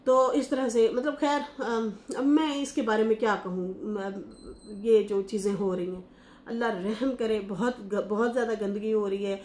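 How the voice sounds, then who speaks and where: A woman's voice: on the high side, steady tone, a little mellow, reverberant. A woman from Pakistan, giving casual, gossipy reaction commentary with many fillers and restarts. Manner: chatty and gossipy, often pauses with fillers and restarts. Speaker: YouTube commentator.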